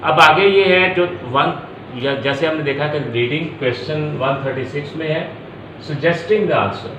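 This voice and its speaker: In an echoey room with faint noise behind him, a man with a Pakistani accent lectures on law in a slightly high, unhurried voice. He restates each point step by step and mixes in English terms, and the recording comes across muffled.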